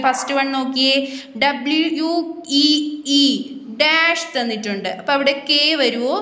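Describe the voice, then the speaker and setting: A woman, teaching young pupils in a recorded online English class and drilling each word slowly, twice over. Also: on the high side, bright, forceful tone. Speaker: primary school English teacher. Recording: echoey room.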